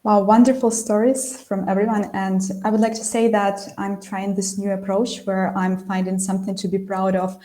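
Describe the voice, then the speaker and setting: Composed woman with a mellow voice. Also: mid-range voice, little pitch movement, moderate pace, hardly any pauses. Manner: composed, prepared-sounding, slightly formal. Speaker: panelist. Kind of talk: online panel discussion. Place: video call.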